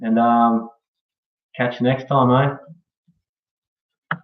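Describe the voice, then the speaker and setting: A man's voice: mid-range voice, level tone, extremely slow. An Australian man chatting casually on a live stream in a laid-back, slangy way, often tagging sentences with "eh" and "bro". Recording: dull echoey room, far from mic.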